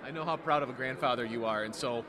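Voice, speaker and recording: A man's voice: medium pitch, crowd noise. A young man, a TV sports reporter, asking upbeat questions into a handheld mic at a red carpet event. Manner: upbeat, quick leading questions.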